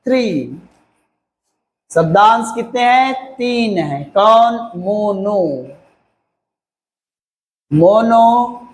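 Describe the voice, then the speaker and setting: Slow, deliberate male grammar teacher. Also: very high-pitched, slight background noise. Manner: slow, repeats and spells words out, asks "clear?". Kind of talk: classroom grammar lesson. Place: classroom. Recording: echoey room.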